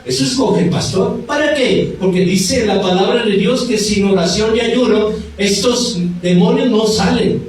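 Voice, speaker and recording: Man preaching in church, high voice, big emphasis swings, echoey far-off sound. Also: a little slow. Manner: animated, rising and falling emphasis, acted quotes. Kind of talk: sermon. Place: church hall. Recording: very echoey hall, mic far off.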